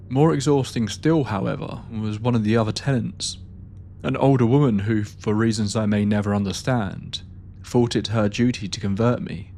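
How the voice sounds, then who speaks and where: A man narrating a first-person ghost story in a steady, measured reading style. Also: lowish voice, slight background noise.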